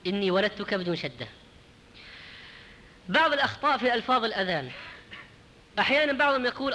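A man teaching a religious lesson, his high voice quick and bright. He stops to sound out words slowly and carefully. The sound rings with the long reverb of a hall. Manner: explanatory, demonstrating pronunciation slowly. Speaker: preacher.

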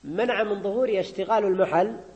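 A man's voice: high-pitched, fast talker, a little mellow, breathy edge, big-room sound. A man teaching a grammar lesson, explaining step by step and often prompting his listeners with a questioning "ha?". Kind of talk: classroom lecture on Arabic grammar.

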